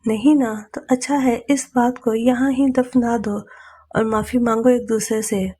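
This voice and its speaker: A woman's voice: a little high, steady tone, mellow, natural voice. A woman voicing a middle-aged mother in a storybook reading, giving soothing but firm advice.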